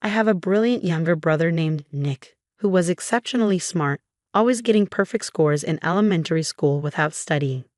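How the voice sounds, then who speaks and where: A woman narrates a first-person story in a steady, even, scripted manner. Her voice sits fairly low, and the sound is dry and close with no room around it. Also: moderate pace, no echo.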